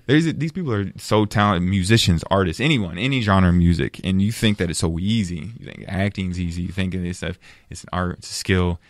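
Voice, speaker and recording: A man's voice: low-pitched, fairly quick, hardly any pauses, dry recording, studio quality. A man talking passionately as a podcast guest, often repeating words as he works through a thought. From United States. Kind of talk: casual discussion.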